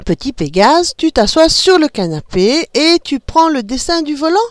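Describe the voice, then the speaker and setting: A bubbly young mother, full of playful excitement as she rallies her little ones into a game, as a woman reading a storybook puts her on. Her voice is high and swoops up and down in a lively, sing-song way. The recording is dry and close. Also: moderate pace, no echo.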